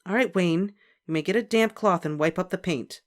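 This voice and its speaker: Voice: mid-range voice, normal speed, voice pushed up, natural voice. A reader voicing a kind woman art teacher who speaks reassuringly to children. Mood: calming. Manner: gentle and reassuring. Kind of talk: audiobook character voice.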